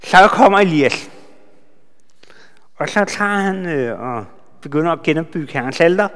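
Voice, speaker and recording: A man giving a sermon, retelling a Bible story with lively asides to his listeners. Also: a little high. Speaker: preacher. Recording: long hall reverb.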